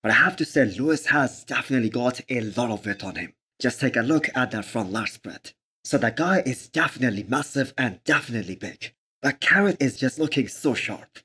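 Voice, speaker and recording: A man's voice: mid-range voice, expressive, fairly quick, sharp tone, breathy edge. A man giving an emphatic, opinionated sports commentary voice-over, speaking directly to viewers as host of a fitness channel.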